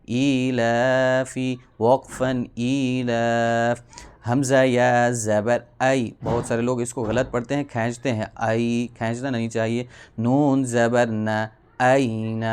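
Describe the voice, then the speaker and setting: A man teaching a Quran reading lesson, explaining rules quickly, then spelling out letters and drawing syllables out slowly. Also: mid-range voice, darkish tone, smooth. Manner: fast explanations, then slow drawn-out syllables.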